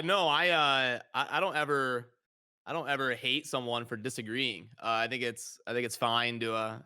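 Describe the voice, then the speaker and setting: Bright, clear man chatting casually. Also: mid-range voice. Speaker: streamer hosting a debate, content creator. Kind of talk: casual conversational debate.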